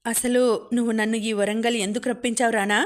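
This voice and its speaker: A defiant, sharp-tongued young woman, read by a woman. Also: fairly high pitch, level tone, fairly quick, lightly acted. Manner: cutting, firm.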